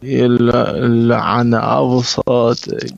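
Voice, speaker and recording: A man's voice: mid-range voice, level tone, slow, gravelly. A man with an Iraqi accent chatting casually. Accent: Iraqi Arabic. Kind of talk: casual chat. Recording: dull, lo-fi sound.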